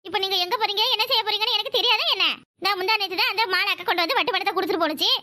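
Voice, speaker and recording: A nagging, sharp-tongued young village wife from a cartoon, as a woman voices her, with a Kanyakumari Tamil accent. The voice is extremely high and piercingly bright, rattling on fast. It sounds close and dry. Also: dry recording. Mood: complaining. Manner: nagging, quarrelsome. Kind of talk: cartoon voice acting.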